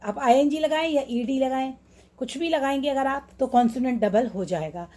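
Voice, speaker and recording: Woman teaching spelling rules, mellow. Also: high-pitched. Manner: mixes Hindi and English, repeats example words slowly. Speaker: English teacher. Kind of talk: explaining phonics rules with examples.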